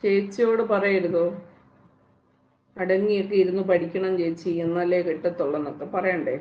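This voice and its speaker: Quick-talking Malayali woman teacher, roomy sound. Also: on the low side, steady tone, muffled recording. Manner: quick, conversational, quizzing students. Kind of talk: explaining exam answers to students.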